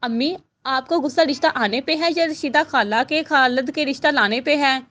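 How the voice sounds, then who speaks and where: A woman's voice: sits high, moderate pace, fairly bright tone. A woman voicing a witty, teasing young daughter in a storybook reading. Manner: playful, wry.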